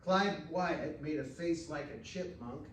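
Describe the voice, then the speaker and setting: An American professional actor narrates short fiction at a live stage reading, his voice a little high and slow. The recording sounds roomy and distant, as if from the stage, with faint noise.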